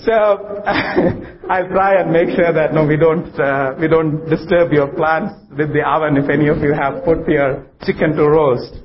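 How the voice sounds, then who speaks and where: A man with a South Indian English accent preaching a sermon in church, speaking haltingly and repeating phrases for emphasis, on a muffled, noisy live recording. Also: fairly high pitch, steady tone. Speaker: guest preacher. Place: church service.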